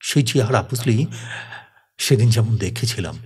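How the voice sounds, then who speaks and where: Storybook role: a grave, frightened elder landowner, low and husky, read by a male narrator. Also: lively intonation, normal speed, darkish tone. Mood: insistent.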